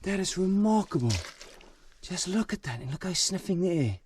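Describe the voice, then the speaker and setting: A man presenting wildlife to camera outdoors at night, full of wonder and often dropping to a hushed, gentle voice. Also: sits high, animated, brisk, distant mic, slight background noise. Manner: awed, repeats exclamations of wonder. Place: outdoors at night in a forest by water.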